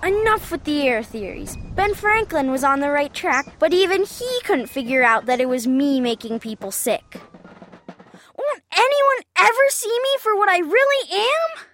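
A woman's voice: extremely high pitch, animated, moderate pace, fairly bright tone, a little hiss or hum. A woman voicing a cute, sassy little cold virus in a theatrical children's audio skit. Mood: exasperated, pleading. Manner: exclamatory, theatrical.

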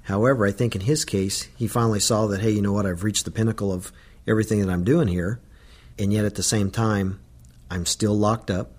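A man who works as a special agent, explaining things in a deliberate, thoughtful way during an interview. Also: fairly low pitch, steady tone, darkish tone. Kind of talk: interview commentary.

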